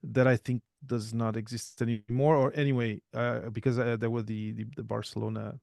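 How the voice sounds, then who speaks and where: A man, talking as a guest in a relaxed, thoughtful way with frequent restarts. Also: mid-range voice, moderate pace, vocal fry, dry recording, clean studio sound. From Portugal. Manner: thoughtful, self-correcting, many restarts. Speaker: podcast guest. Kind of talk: casual interview talk.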